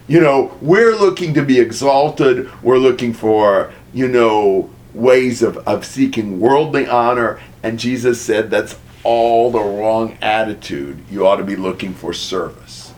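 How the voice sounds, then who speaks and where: A man leading a group Bible study, explaining a passage in a relaxed way and asking the group questions. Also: mid-range voice, unhurried, hardly any pauses. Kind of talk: conversational group Bible teaching.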